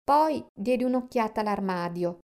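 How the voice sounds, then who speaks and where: A woman reads a children's storybook aloud at a very slow, calm pace. Her voice is smooth and clear, and her delivery measured. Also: on the high side. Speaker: narrator.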